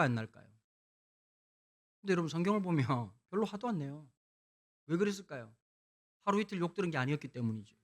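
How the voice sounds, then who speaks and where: Animated Busan preacher with bright voice. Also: male voice, a little high. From Busan, South Korea. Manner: humorous storytelling, swings between hushed and loud. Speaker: guest pastor. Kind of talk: lively revival sermon.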